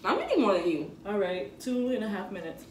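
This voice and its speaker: A woman's voice: medium pitch, very animated, fairly quick. A young woman vlogger joking and laughing through an eating challenge, sometimes talking with her mouth full. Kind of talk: casual chat during an eating challenge. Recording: echoey room, distant mic, faint noise.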